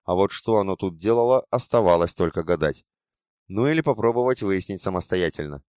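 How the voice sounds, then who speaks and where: A man reading a fantasy novel aloud in first person, with measured, even storytelling on a close studio mic. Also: low-pitched, no room sound. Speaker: audiobook narrator. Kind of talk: first-person audiobook narration.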